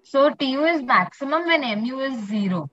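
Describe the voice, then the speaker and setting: A woman's voice: sits high, expressive, moderate pace, fairly bright tone. A young woman with an Indian accent, a student reciting answers in an online class. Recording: muffled lo-fi online call audio.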